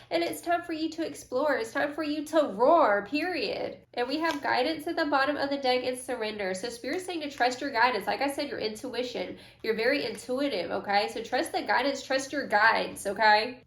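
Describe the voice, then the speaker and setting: A woman's voice: high voice, a bit bright, echoey room. A young woman giving a casual, slangy, affirming tarot reading to her viewers. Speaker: tarot reader.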